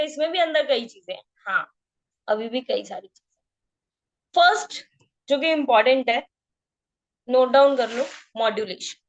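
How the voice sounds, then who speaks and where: A woman's voice: sits high, a bit bright, lo-fi sound. A woman leading an online training meeting, addressing her team casually and swinging her tone up and down on purpose. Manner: addresses listeners casually as guys. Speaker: network marketing trainer. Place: home at night, neighbors nearby. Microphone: online meeting call.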